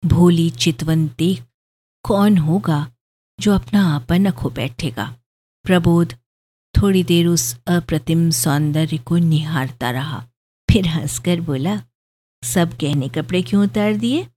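A woman narrating a story with a measured, expressive reading. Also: fairly low pitch.

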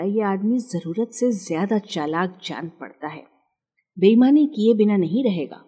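A woman reads a folk tale with measured, clear storytelling pacing. Her voice is mellow and warm, with a soft huskiness. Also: mid-range voice. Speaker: narrator. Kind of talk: scripted storybook narration.

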